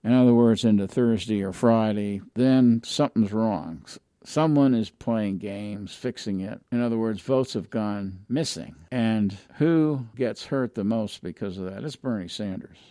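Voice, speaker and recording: A man's voice: on the low side, unhurried, few pauses, mellow, no room sound. Opinionated man commenting, dry sound. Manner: opinionated, emphatic, with frequent restarts. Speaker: political commentator. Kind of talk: solo political commentary.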